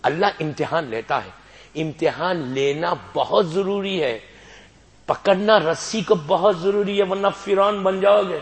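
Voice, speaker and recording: A man preaching a sermon, telling a religious story that swings between soft, hushed narration and loud, raised exhortation. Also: sits high, slightly rough.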